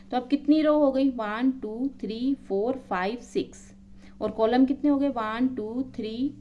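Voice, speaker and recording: A woman's voice: mid-range voice, warm tone, slight background noise. A woman maths teacher explaining a lesson, counting items aloud one by one and checking in often with her students.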